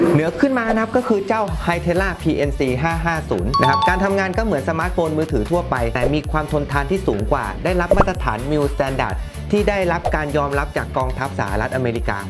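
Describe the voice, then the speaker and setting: Guy in his 30s doing a product explainer, music playing behind him. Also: on the high side. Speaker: product presenter. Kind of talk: scripted product explainer to camera. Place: small bright indoor showroom. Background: background music.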